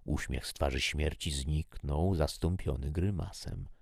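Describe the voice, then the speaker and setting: A man narrating a first-person story in a measured, reflective way. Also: very deep voice, gravelly, darkish tone, husky, no echo, clean studio sound.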